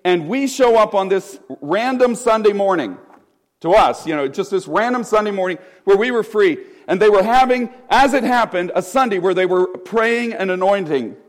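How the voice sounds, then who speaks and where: A man's voice: high-pitched, animated, moderate pace. A middle-aged man preaching a sermon as pastor, telling the story with animation and acting out the voices of the people in it. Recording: hall reverb.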